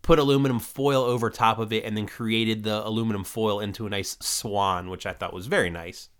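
Fairly quick and steady, his low-leaning voice has a fairly bright, clean tone. He's a podcast co-host casually recapping a sitcom episode, wandering through scenes with lots of fillers.

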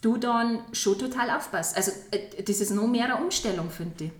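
A woman chatting casually as a podcast co-host, often agreeing and pausing to search for words. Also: on the high side. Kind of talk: casual chat. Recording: roomy echo.

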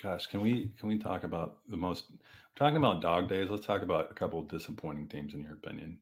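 A man co-hosting a podcast, chatting casually about sports with lively restarts. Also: low voice. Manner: animated, fast back-and-forth with restarts. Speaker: podcast co-host.

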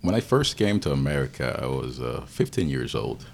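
A man from Haiti with a Haitian accent, a podcast guest telling his story in a thoughtful, halting way with many fillers. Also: a bass voice, very animated, creaky, a little hiss or hum. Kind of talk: casual interview.

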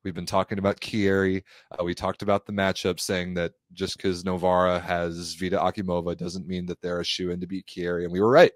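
A man co-hosts a sports podcast, giving facts and numbers in a brisk, blunt manner. His voice is low. The recording is dry and close. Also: little pitch movement, dry recording. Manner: matter-of-fact, brisk and blunt. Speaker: podcast co-host. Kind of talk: casual sports chat.

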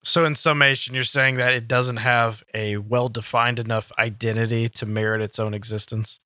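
A man hosting a casual gaming podcast, talking in a halting way with many "um" fillers. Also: mid-range voice, little pitch movement, pushed and bright, clear, resonant tone, no room sound, studio quality. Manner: filler-heavy, halting delivery with frequent "um". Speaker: podcast host.

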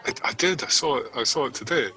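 A man's voice: medium pitch, fast talker, sharp tone, low-quality recording. A man hosting a podcast, chatting casually and giving brief, encouraging replies.

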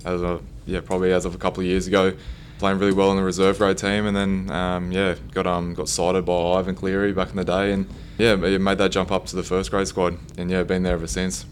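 Male athlete, mid-twenties, Queensland Australian, deep and fast-talking, casual hesitant interview style. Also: monotone, a little hiss or hum. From Gold Coast, Queensland, Australia. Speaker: professional rugby league player.

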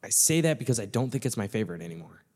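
A man's voice: on the low side, sing-song, rapid-fire, darkish tone, slightly rough. A man hosting a casual chat, loose and enthusiastic with some swearing, his voice ringing with a big hall echo. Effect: big echoey hall reverb. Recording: long hall reverb on voice.

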